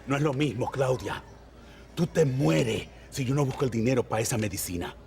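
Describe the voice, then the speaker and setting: A man's voice: mid-range voice, normal speed, vocal fry, darkish tone, close to an everyday voice. An actor playing a defiant ex-cop father. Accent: Dominican. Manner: heated, insistent run-on justifying. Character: proud desperate middle-aged ex-cop father, defiant. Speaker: film actor.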